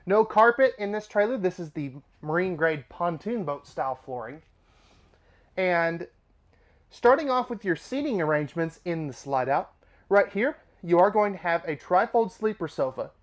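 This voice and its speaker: Animated and speaking at a normal speed, a man with a high voice tours a travel trailer for an RV dealership. He's upbeat and chatty, tosses in casual asides, and sounds slightly nasal because of allergies.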